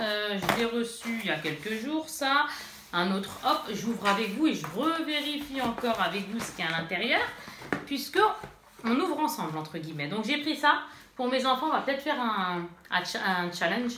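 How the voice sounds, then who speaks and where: A woman's voice: on the high side, animated, moderate pace, noisy background. A mother chatting casually through an unboxing vlog in her bedroom, rambling and talking straight to her viewers. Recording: echoey room.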